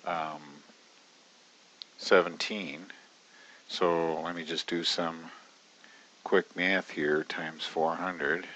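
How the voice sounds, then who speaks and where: A man's voice: sharp tone, a little hiss or hum, poor audio. A man casually walking through an options trade on screen, chatty with many fillers. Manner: casual, chatty, many fillers, bursts into high-pitched alarm retelling panic. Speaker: options trading educator. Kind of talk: screen-recorded trading walkthrough.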